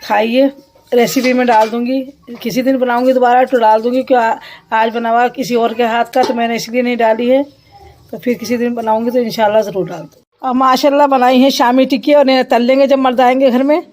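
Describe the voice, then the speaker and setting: A woman's voice: on the high side, fairly even intonation, fairly quick, a little mellow, a little hiss or hum. A woman vlogging casually at home, cooing to small children and showing the day's cooking. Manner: chatty, coos and baby-talks with small children. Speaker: family vlogger. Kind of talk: casual home vlog narration. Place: home kitchen and living room.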